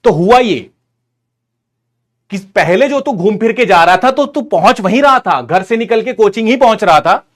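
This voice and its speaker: Brief: a man as a chemistry tutor in a casual live class, slightly high voice, chatty and teasing, all buddy-talk and everyday stories. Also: expressive, moderate pace, fairly bright tone. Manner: chatty and teasing, addresses students as buddies. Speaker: chemistry teacher.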